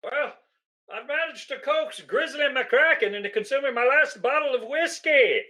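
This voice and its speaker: A man playing an excitable old-time farmer on a comedic 1920s-style radio parody, rambling with folksy exclamations. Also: extremely high pitch, moderate pace, voice pushed up. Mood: delighted. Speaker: co-host playing a hapless farmer.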